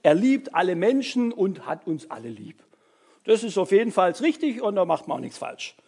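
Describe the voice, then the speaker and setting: A man's voice: high-pitched, sing-song, normal speed, vocal fry, dark tone, breathy edge. A man giving a casual sermon to young people as their youth leader, chatty and full of fillers and tag words.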